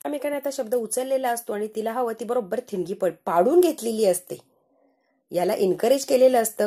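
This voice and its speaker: A woman's voice: on the high side, warm tone, husky. A woman recapping a TV serial episode in a dramatic way, acting out the lines and adding sarcastic, mocking asides. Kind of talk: dramatic recap with acted-out quotes.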